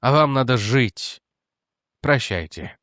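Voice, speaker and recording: A man playing a weary, gentle detective in a storybook reading, speaking quietly and in measured tones at a middling pitch. The recording is dry and close. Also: expressive, dry recording.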